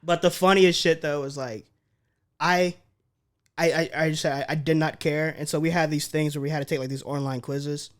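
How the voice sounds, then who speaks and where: A young man co-hosting a casual podcast, telling stories with lively acted-out quotes. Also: on the high side, normal speed. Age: young adult. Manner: animated storyteller, acts out quotes. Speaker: podcast co-host. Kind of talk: casual storytelling chat.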